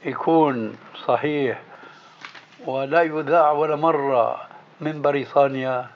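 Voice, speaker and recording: A man's voice: medium pitch, steady tone, a little slow. A man, a sheikh questioning his student closely in a lesson, on a dull lo-fi tape. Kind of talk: recorded lesson discussion. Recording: dull lo-fi tape with faint hiss.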